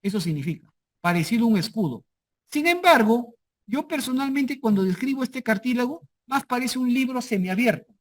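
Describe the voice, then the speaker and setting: A man's voice: very high voice, expressive, normal speed. A man teaching a class who keeps checking whether students follow and repeats key terms for emphasis. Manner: checks understanding often with repeated questions. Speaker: lecturer. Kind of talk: classroom lecture.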